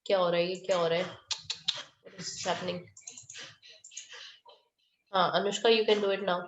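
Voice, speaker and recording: A woman's voice: on the low side, steady tone, racing. Female Indian schoolteacher, instructive online-class delivery, mixes Hindi and English, boxy room echo. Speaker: primary school maths teacher. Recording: muffled, echoey online class call.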